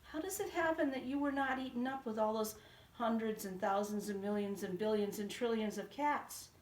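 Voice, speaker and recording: A woman voicing a gentle, delighted very old man in a storybook reading. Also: on the high side, moderate pace, natural voice. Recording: roomy echo, from a distance.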